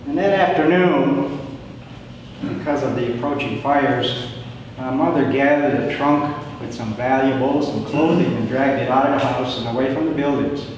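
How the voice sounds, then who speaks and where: An older man giving a prepared talk of family history to an audience, in a plain, measured storytelling way with pauses. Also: medium pitch. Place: large echoing indoor hall. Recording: very echoey hall, distant mic, background noise.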